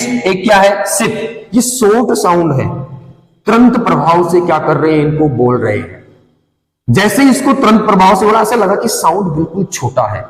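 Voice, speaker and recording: A man teaching an English lesson, drilling each term by asking a question and then answering it himself. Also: sits high. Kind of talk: classroom lesson, call-and-response drilling. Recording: echoey hall with long reverb.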